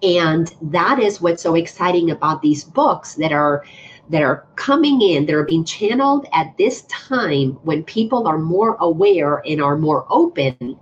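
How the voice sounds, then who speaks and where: An earnest woman speaks in long, flowing runs, leaning into each point as a guest teacher in a relaxed conversation. Her voice sits a little low for a woman. The audio comes through a video call and sounds muffled and lo-fi, with a faint hiss behind it. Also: unhurried. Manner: earnest, flowing, emphatic about spiritual ideas. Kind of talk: casual spiritual conversation.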